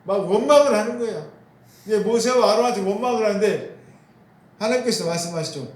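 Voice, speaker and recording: A pastor preaches a sermon in a high, brisk voice, putting questions to the congregation and answering them himself. He repeats key phrases for emphasis, and the recording carries a roomy echo.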